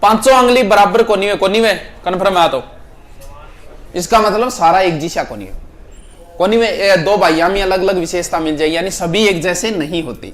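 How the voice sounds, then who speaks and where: A man's voice: sits high, normal speed, fairly bright tone. A man with a Rajasthani accent teaching a class, repeating each proverb and explaining it in a chatty style with local dialect and jokes for the students.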